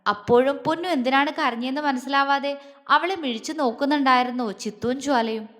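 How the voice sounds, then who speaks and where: Woman storyteller, high pitch, acts out the dialogue, reverberant recording. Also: fairly quick, a bit bright. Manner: shifts voice for each character's lines. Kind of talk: scripted story narration with voiced dialogue. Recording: long reverb on the voice.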